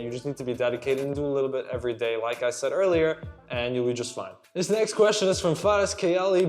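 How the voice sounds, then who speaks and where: A teenage boy from Slovakia chats through a casual question-and-answer vlog, earnest and friendly, calling his viewers dude. His voice sits fairly high for a guy. Soft music plays faintly under him. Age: teens. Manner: chatty and earnest, addressing viewers as guys and dude. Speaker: student YouTuber. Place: at home at night.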